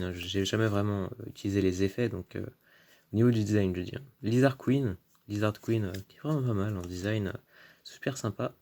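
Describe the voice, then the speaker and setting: A man's voice: fairly low pitch, darkish tone. A man chatting casually in a vlog, going through his card collection, full of "euh" and "hein", stretching out card names with enthusiasm. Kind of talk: casual unboxing-style vlog commentary.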